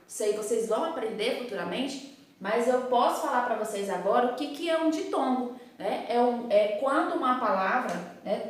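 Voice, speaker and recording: A woman teacher explaining a grammar lesson to pupils, asking rhetorical questions and checking in with frequent tag questions. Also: fairly high pitch. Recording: very echoey room, voice from a distance.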